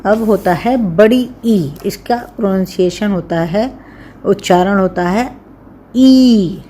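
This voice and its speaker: A woman teaching a language lesson, dictating words and short sentences slowly and carefully, one word at a time. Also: mid-range voice, dark tone, slight background noise. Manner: very slow, careful, drawn-out word by word.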